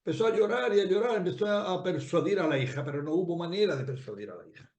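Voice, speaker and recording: A man, a rabbi, telling a moral story in a sermon, animated, with repeated phrases and rhetorical questions put to his listeners. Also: high voice, fast talker, roomy sound.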